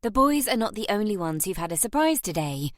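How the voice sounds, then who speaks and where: Gentle caretaker, young woman, soothing and warm, a woman narrator doing her. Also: mid-range voice, big pitch swings, a little fast, dry recording, studio quality, voice pushed up, natural voice. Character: kind young woman caring for orphans.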